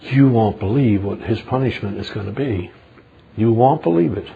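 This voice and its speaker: A man preaching a sermon with passion, swinging from low murmurs to loud indignant outbursts. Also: moderate pace, gravelly, lo-fi sound, a little hiss or hum. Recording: 2005 sermon recording.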